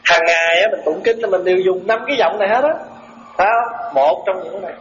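A man's voice: sits high, fairly bright tone. Man giving an echoey Buddhist talk. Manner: explains terms slowly, asks listeners rhetorical questions. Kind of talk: sermon. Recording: echoey, dull lo-fi recording with faint noise.

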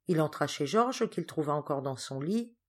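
Low-voiced woman reading a novel aloud. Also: expressive, moderate pace. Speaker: audiobook reader. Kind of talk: scripted narration of a classic novel.

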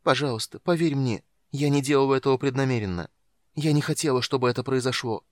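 A man's voice: medium pitch, moderate pace, no echo, clean studio sound, pitched above the performer's own voice, natural voice. A man voicing a frightened, desperate young woman who pleads and stammers for breath. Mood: pleading.

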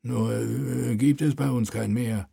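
A man's voice: medium pitch, fairly even intonation, slow pace, creaky, mellow, breathy edge, no echo, clean studio sound, heavily acted. A male reader voicing a fat, timid small-town mayor who stammers and speaks meekly. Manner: hesitant, stammering, meek.

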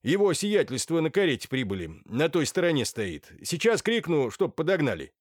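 A man plays a servile doorman, keen and obliging, in a raised, bright-pitched voice. Dry close recording. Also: sing-song, moderate pace, no echo. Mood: eager. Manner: eager, obliging. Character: eager servile male doorman.

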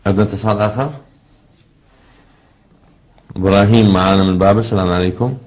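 A man with an Iraqi accent hosting a call-in religious question show, with brisk, clipped acknowledgements. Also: on the low side, steady tone. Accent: Iraqi Arabic. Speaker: radio call-in host. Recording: dull muffled broadcast sound.

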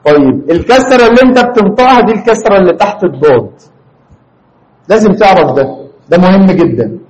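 Grammar teacher, male, Egyptian Arabic accent, high-pitched voice, drills the class with rapid questions. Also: animated, a little mellow, highs cut off. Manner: questioning, prompts students for answers. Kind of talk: classroom lesson.

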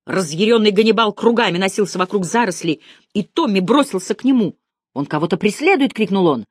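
A woman narrating an audiobook in a measured, even storytelling manner. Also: mid-range voice, breathy edge, no echo, studio quality. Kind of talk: audiobook reading.

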